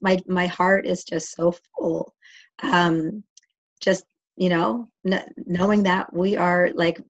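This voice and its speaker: A woman co-host with a hoarse, nearly gone voice, talking casually and heartfelt in a halting way, repeating phrases as she interviews. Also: medium pitch, muffled recording. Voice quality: hoarse, strained voice. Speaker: co-host interviewing her partner.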